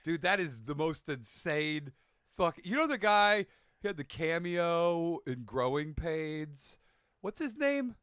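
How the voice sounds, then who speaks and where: A man's voice: a little high, very animated, takes it slowly, fairly bright tone, clean tone, no room sound, studio quality. A man co-hosting a comedy podcast, swearing freely and laughing through loose, riffing chat. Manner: profane, riffing, laughing often. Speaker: podcast co-host. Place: small recording room.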